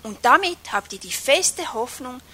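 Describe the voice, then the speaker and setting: High, bright woman preaching with emphasis. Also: animated, husky. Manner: emphatic, varies loudness a lot, drops to a whisper at times; slows down to stress key phrases. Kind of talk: sermon.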